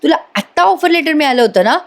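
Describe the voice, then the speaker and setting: A woman's voice: sits high, expressive, fast talker, voice pushed up. A woman voicing a puzzled young man asking surprised questions.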